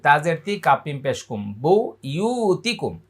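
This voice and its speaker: A man from Bangladesh teaching Quran reading, spelling syllables aloud and then chanting verses in a high, drawn-out recitation. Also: sing-song. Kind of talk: letter-by-letter Quran recitation lesson.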